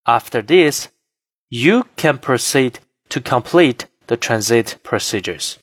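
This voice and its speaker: Man, flight attendant announcement, scripted, formal, slow phrase-by-phrase delivery, medium pitch, dry close sound. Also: animated, a bit bright, husky, no room sound. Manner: formal, measured, phrase-by-phrase reading. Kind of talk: scripted airline cabin announcement.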